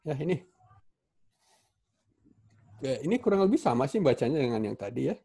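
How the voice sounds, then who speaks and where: Male welding instructor with an Indonesian accent, mellow tone, loose and halting delivery, computer mic on a call. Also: mid-range voice, big pitch swings, creaky, husky. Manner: casual, halting, many fillers and restarts. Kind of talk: online class lecture. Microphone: computer mic on a video call.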